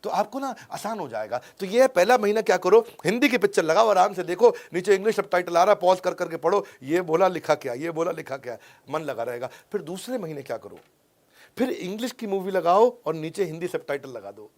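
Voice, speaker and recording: A middle-aged man lectures with punchy emphasis, his voice sitting a little higher than most men's. He hammers home each tip and circles back to repeat it, switching freely between Hindi and English words. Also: lively intonation, a little fast. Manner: emphatic, repeats points, acts out film dialogues in a lowered voice. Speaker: motivational speaker teaching English learning tips.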